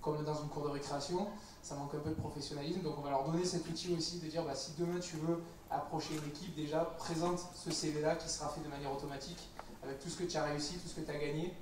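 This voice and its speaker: A man's voice: a little high, little pitch movement, fast, background noise. A man who founded a startup, explaining his project on a panel in a hesitant way with many fillers. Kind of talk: casual panel talk. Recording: roomy hall mic from far off.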